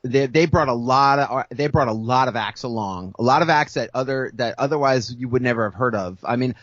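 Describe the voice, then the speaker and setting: A man co-hosting a podcast, telling a music-history story in a casual, animated way, acting out the people he quotes and laughing often. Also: medium pitch, brisk, dry recording, lo-fi sound. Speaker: podcast co-host.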